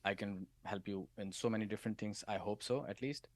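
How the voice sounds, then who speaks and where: A man's voice: lowish voice, fairly even intonation, a little fast, no room sound. A man being interviewed on a podcast as a solutions architect, giving advice and often checking in with "right?". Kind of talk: casual interview chat.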